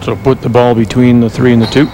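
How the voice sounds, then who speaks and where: A man's voice: medium pitch, level tone, fast. A man doing play-by-play commentary for televised bowling, conversational and full of asides. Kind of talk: sports commentary. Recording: TV broadcast with crowd and noise.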